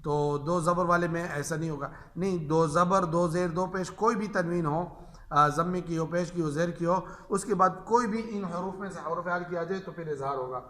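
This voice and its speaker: A man with an Urdu accent teaching Quran recitation rules, speaking patiently and repeating each example slowly in a drawn-out chant. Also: a little high, a bit bright, echoey room.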